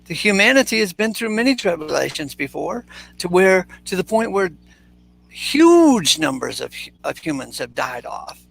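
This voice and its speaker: A man's voice: sits high, big pitch swings, normal speed, gravelly, a bit bright. A man in his sixties hosting a casual chat, talking bluntly and with energy, swearing freely. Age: 60s. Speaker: host.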